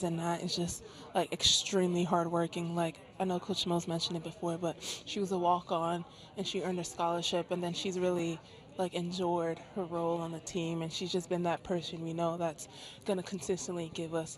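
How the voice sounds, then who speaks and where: A young woman, a college basketball player, soft-spoken and casual in an interview. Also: on the low side. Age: young adult.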